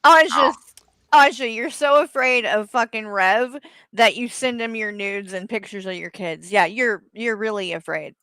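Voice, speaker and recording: A woman co-hosts a casual reaction stream with a smooth, clear voice. She speaks sarcastically and mockingly, recorded close and dry. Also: on the high side, measured pace, pushed and bright, no echo.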